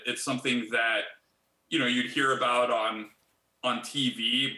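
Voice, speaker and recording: A man in his thirties, a company chief executive, answering interview questions in a measured way with many fillers and restarts. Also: medium pitch, pushed and bright, echoey room. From Bulgaria.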